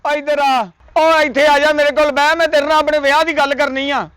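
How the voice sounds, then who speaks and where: A man's voice: high-pitched, expressive, normal speed, dry recording. A man playing a coaxing young villager in a comedy skit, calling out. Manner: loud, wheedling calls.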